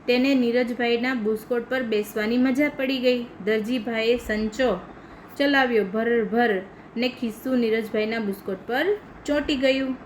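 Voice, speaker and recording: A woman teacher from India reads a children's story aloud, stopping often to explain it patiently. Her voice sits fairly high, with faint background noise. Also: fairly even intonation, moderate pace, low-quality recording. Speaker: primary school teacher.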